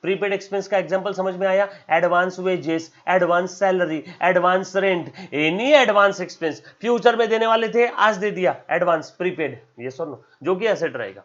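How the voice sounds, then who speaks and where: High-voiced Indian accounts teacher lecturing. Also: male voice, normal speed, hardly any pauses, a bit bright, lo-fi sound. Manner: explains by repeating terms, often asks yes or no; calls students "beta", acts out their questions. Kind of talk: recorded classroom lecture.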